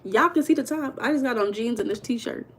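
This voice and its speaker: Quick and breathy-edged, with a voice on the high side, a woman from Los Angeles runs a casual livestream. In her American accent she reads viewers' comments aloud and ribs them with slang.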